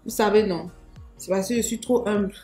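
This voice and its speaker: A woman's voice: medium pitch, steady tone, brisk, dark tone, faint music behind. Playful chatty woman doing makeup. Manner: playful, self-mocking, chatty asides to viewers. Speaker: makeup vlogger. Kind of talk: casual makeup tutorial.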